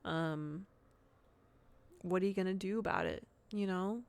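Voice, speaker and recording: A woman's voice: mid-range voice, big pitch swings, fast, creaky, darkish tone. A woman hosting her own podcast in a casual solo chat, frank and giggly with lots of fillers. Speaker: podcast host.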